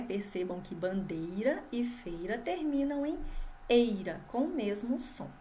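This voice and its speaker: A Brazilian woman with a somewhat high voice teaches a video lesson to small children. She draws syllables out in a sing-song way and keeps asking the class if they follow. A faint hiss sits under the recording. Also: darkish tone. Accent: Brazilian Portuguese. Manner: constant checking questions to the class. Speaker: primary school teacher.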